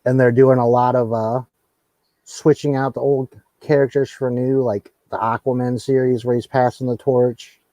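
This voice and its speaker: Mellow-voiced easygoing man hosting a live chat. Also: mid-range voice, little pitch movement, moderate pace, no room sound, poor audio. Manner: easygoing, repeats words as he talks. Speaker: host. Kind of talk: casual chat on a live comics show.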